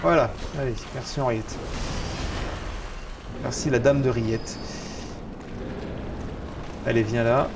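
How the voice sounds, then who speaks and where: A French man casually commenting on a video game he is streaming, chatty and excitable. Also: mid-range voice, slow, vocal fry, long pauses, background noise. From France. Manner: chatty, excitable, swears at setbacks.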